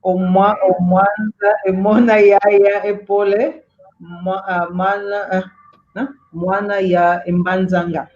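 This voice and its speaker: Very slow, halting high-voiced man. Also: flat delivery, a little mellow, lo-fi sound. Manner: halting, self-correcting. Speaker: student.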